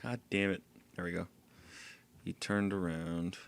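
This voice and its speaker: Gravelly and low, with little pitch movement, a man talks unhurriedly through a stealth game he's streaming. He swears, vents his frustration in outbursts, and laughs at himself whenever he fails.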